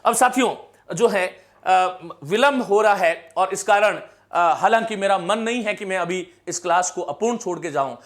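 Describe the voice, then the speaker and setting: A man's voice: high-pitched, normal speed, fairly bright tone. A middle-aged man teaching a lecture for exam preparation, explaining step by step and answering his own questions.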